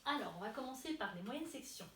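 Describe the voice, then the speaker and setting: A woman teaching a preschool class remotely, greeting children by name and leading a morning wake-up rhyme in a gentle, singsong, encouraging way. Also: fast. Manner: gentle, singsong and encouraging, with a lively rising pitch. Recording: echoey room, distant mic, faint hiss.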